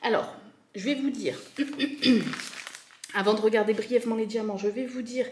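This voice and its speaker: A woman's voice: fairly high pitch, a little slow, slight background noise. A French woman with a French accent, chatting casually and enthusiastically as she unboxes a craft kit, full of fillers and repeated words. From France. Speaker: crafting vlogger.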